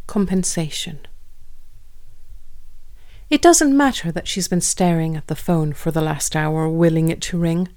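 Low-voiced woman narrating a story. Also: darkish tone. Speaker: podcast host and narrator. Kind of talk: scripted narration of a short story. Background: faint guitar music.

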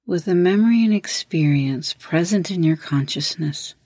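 A low-voiced woman hosts a guided meditation, giving instructions in a measured way with long pauses between prompts. Her voice is warm and slightly husky. The recording is very dry, with no sense of a room around it.

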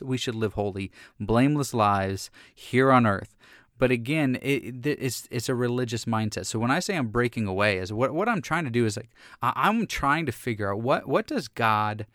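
A pastor in his thirties gives a casual faith talk in an earnest, animated way, often restarting his sentences. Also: mid-range voice, no echo, clean studio sound.

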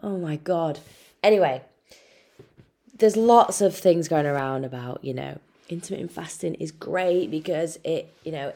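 A young woman with an Irish accent and a lowish voice hosts a solo nutrition podcast. She talks in a frank, chatty way, drops casual swearing and calls her listener babe. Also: mellow.

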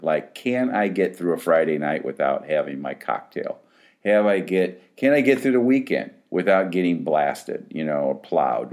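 Deep voiced guy in his 50s, counselor just chatting to clients, kinda rambly and frank. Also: a little mellow. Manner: rambling, with restarts and frank asides. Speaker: addiction counselor. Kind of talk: casual talk to clients.

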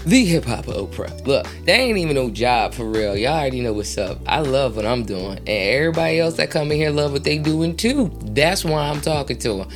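A woman's voice: rumbling low, big pitch swings, brisk, few pauses. Southern lady hosting a chill interview, voice jumps all over, slangy and playful, bit of music behind. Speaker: interview host. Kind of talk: casual interview.

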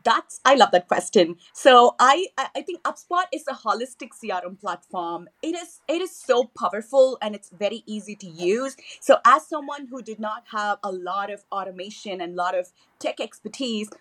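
An enthusiastic woman from southern India, a native Tamil speaker, is being interviewed on a podcast. Her pitch is medium and her tone fairly bright, and she eagerly keeps dropping fillers and restarting her sentences.

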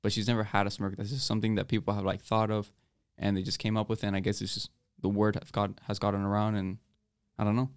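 Teenage American boy, podcast host, low voice, quick rambling talk, smooth. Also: little pitch movement, dry recording, studio quality. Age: teens. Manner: rambling, many fillers and restarts. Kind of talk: casual chat.

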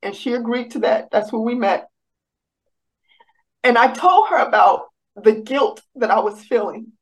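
A woman sharing a personal faith testimony, speaking haltingly with many restarts and growing more emotional as she goes. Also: on the high side, slightly rough, low-quality recording. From United States. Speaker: guest sharing a personal story.

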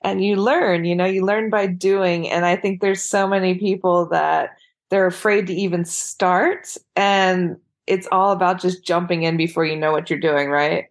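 An American woman hosts a casual podcast interview, her voice carrying a gravelly fry. She talks in a chatty, encouraging way, keeping the conversation easy. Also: on the low side, fairly even intonation. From United States. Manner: chatty, encouraging, quick laughs. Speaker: podcast host. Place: living in Paris.

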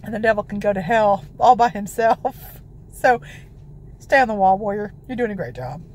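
A woman with a gravelly voice giving informal, emphatic devotional exhortation as a prayer preacher. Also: medium pitch, moderate pace, a little mellow, a little hiss or hum. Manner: emphatic, declarative, peppered with scripture citations.

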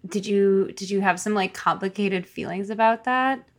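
A woman's voice: mid-range voice, moderate pace. A woman hosting a casual interview, talking candidly and laughing easily. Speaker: podcast host.

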